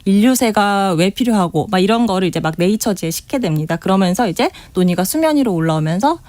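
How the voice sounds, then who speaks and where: A woman's voice: medium pitch, animated, quick pace, darkish tone, no room sound. A woman guest on a radio current-affairs show, explaining a science topic in a chatty way with many fillers. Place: radio studio.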